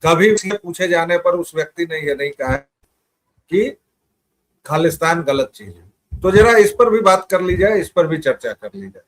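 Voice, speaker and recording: Male host setting up a topic on his show, steady and methodical, voice a bit on the high side. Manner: measured, building a case. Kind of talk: political talk show discussion.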